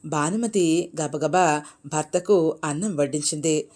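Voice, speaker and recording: A woman narrating a moral folk tale in an expressive, animated storytelling voice. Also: low voice, unhurried.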